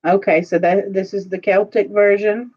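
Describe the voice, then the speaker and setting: A woman's voice: mid-range voice, little pitch movement, a little mellow, slightly rough. Chatty woman on a muffled stream. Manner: chatty, rambling, quick to laugh. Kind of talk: casual live-stream chat.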